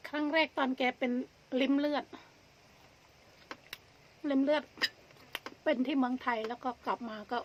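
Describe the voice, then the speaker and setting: High-voiced Isan Thai woman chatting while chewing. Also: steady tone. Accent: northeastern Thai (Isan). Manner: rambling, pausing between short phrases. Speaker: vlogger. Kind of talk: casual chat to viewers while eating. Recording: dull lo-fi audio with background noise.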